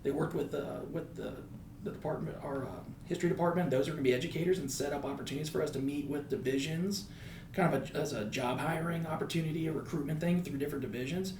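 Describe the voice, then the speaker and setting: This is a man from the United States, in his thirties, talking quickly in a slightly high voice. Interviewed on a podcast as a school principal, he reflects carefully and keeps rewording his points, recorded in an echoey space with a little noise behind him.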